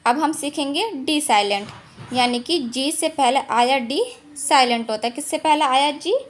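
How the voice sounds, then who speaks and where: High-voiced woman teaching phonics. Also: moderate pace, a little hiss or hum. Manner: patient, repeats and quizzes herself. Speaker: English teacher. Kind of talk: online phonics lesson.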